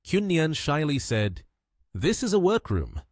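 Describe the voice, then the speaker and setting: A cheerful, teasing young woman, as a man puts her on in a story recap. Her lines are pitched higher and sound lively and playful. The recording is close and dry. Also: unhurried, dry recording. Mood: shy.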